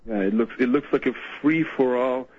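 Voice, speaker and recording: A man speaks over the phone on a call-in show, his voice muffled and dull. He gropes for words as he goes, with frequent restarts and filler sounds. His pitch sits in the middle range. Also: steady tone, normal speed, slightly rough. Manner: hesitant, full of restarts and fillers. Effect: heard over the phone. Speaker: radio call-in caller. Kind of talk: casual call-in chat.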